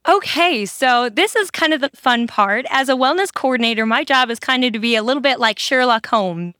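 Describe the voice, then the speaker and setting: A woman's voice: high-pitched, lively intonation, fairly quick, sharp tone, smooth, no echo, clean studio sound. A woman who is a wellness coordinator at a senior living community, talking enthusiastically as an interview guest, with frequent ums and restarts.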